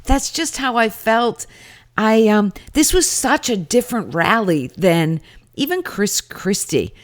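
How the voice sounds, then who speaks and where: A woman's voice: a little high, animated, takes it slowly. A woman giving a casual, first-person recap in a chatty, opinionated and wry manner, like someone sharing her impressions. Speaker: rally attendee giving commentary.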